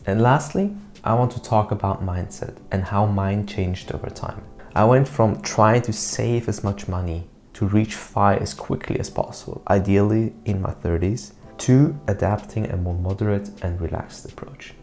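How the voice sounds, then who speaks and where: A Swiss YouTuber in his thirties narrates his own scripted vlog in an earnest, matter-of-fact way, slipping in dry asides. His voice sits on the low side and is a little mellow, moving at a moderate pace with hardly any pauses.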